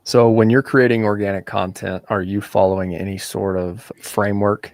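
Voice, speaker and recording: A man's voice: fairly low pitch, little pitch movement, moderate pace, gravelly, a little mellow, dry recording. A man hosting a podcast, asking his guest curious questions in a casual way. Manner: curious, asks questions thinking aloud. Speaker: podcast host.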